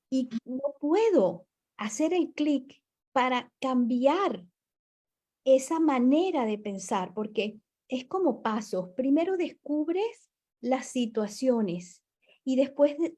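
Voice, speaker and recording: A woman's voice: high-pitched, dark tone. A woman guest reflecting on her own experience, searching for words and often restarting mid-thought. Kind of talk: reflective conversational talk.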